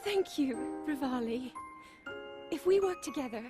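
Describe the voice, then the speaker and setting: Young princess for a fantasy game: high voice, formal and precise, dutiful with underlying doubt, faint music underneath. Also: female voice, lively intonation, unhurried. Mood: polite, earnest. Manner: formal, precise, earnest phrasing. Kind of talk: English-dubbed fantasy video game acting.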